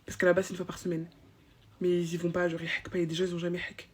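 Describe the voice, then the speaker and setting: A young adult woman rambling excitedly in slang in a casual monologue to camera. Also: lowish voice, very fast, husky.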